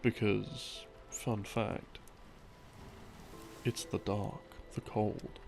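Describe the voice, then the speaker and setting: In a fairly low, gravelly voice, flat and extremely slow, a man plays a boyfriend laying out game lore. The audio creator's explanation is rambling, intimate and casual, broken by wry, hesitant asides. Soft game theme music runs underneath.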